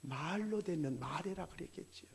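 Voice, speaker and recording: Husky high-voiced Korean pastor preaching. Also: male voice, moderate pace. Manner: animated preaching with acted dialogue. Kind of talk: sermon.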